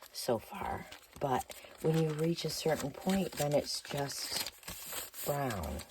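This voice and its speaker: A woman with a hoarse, squeaky voice from being sick, cracking into whispery breaks as she chats casually and thinks aloud through a craft tutorial. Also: background noise. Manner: rambling, thinking aloud while working. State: hoarse, squeaky voice from a feverish illness. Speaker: craft vlogger.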